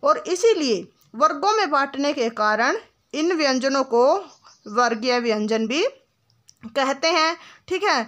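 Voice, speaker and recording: High-voiced woman teaching Hindi grammar. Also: animated, unhurried, a bit bright. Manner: asks questions and answers them herself, often adds "ठीक है"; calls the listener "बेटा", patient and instructive. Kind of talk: classroom lesson explanation.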